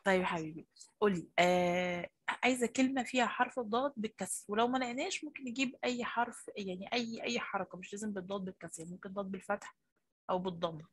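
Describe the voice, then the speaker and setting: In an online class, an Egyptian-accented primary teacher gently urges on her young students and praises them, with a slightly husky voice. The pitch is medium, the delivery rapid-fire, and the recording dry.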